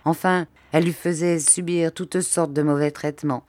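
A woman reading a classic novel aloud in measured, expressive narration. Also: low voice, no echo. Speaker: audiobook reader.

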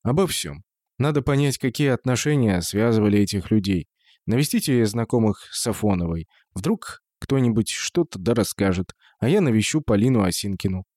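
A man's voice: lowish voice, expressive, moderate pace, a little mellow, no room sound. A man voicing a composed, middle-aged male investigator who speaks politely with dry irony.

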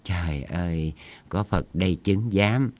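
A man voicing a sly old village official who speaks loudly and slowly in a falsely pious, fawning way, with a deep voice. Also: no echo. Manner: loud, drawn-out, falsely pious.

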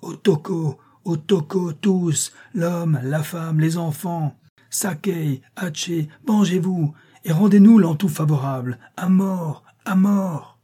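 A man puts on a frenzied tribesman whose shrill, piercing voice rings out high above his usual range. He howls for vengeance in a husky, dark-toned shriek, like a storybook villain whipping up a mob. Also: slow.

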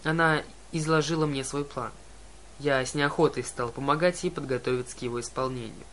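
A man's voice: mid-range voice, brisk, fairly bright tone, a little hiss or hum. A man reading a story aloud in first person as an audiobook narrator. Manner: reads the story in first person and voices every character himself. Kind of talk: scripted narration.

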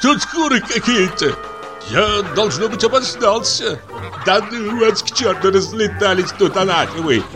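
A man's voice: high-pitched, expressive, a little slow, music in the background, voice pushed up. Man doing a tipsy, blustering fellow, raised voice. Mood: flustered. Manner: pleading, then cursing and flustered. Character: tipsy, tired, blustering middle-aged man. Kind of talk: audiobook character voice.

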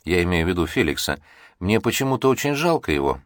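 An eager young woman chatters and pleads in a lifted, lively voice, put on by a man reading the book. Her lines swing widely in pitch and sound close and dry, with no room around them. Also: fast, no echo. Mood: hurt, pleading. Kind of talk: audiobook reading.

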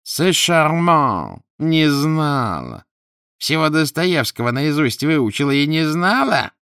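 A man voicing a mocking devilish apparition disguised as an old woman, with a shrill, squeaky voice and a sly, teasing manner. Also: big pitch swings, a little slow, vocal fry, dry recording, studio quality, full character voice. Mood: taunting.

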